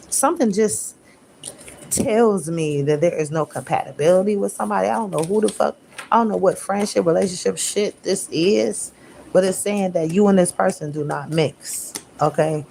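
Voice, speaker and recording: Blunt, profane woman tarot reader, casual and animated, slightly low voice, faint noise. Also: normal speed, creaky. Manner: profane, blunt, animated slang-heavy talk; mimics listeners in raised voice.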